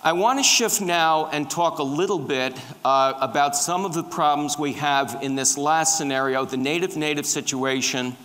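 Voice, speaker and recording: A man's voice: fairly high pitch, normal speed, hardly any pauses, fairly bright tone. A middle-aged man giving a conference lecture with slides, quizzing the audience as he goes. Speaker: conference speaker on tree pests. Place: large dark conference hall with a stage. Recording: reverberant conference hall.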